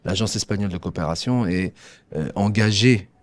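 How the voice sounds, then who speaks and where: A man with a low voice delivers formal public remarks on behalf of an agency, halting often and repeating words. A faint hiss or hum sits under the recording.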